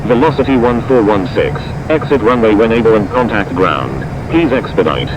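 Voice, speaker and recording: A man's voice: lowish voice, lively intonation, moderate pace. Synthetic male controller over the radio. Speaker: air traffic controller. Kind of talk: clipped radio phraseology. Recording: dull radio audio under loud engine noise.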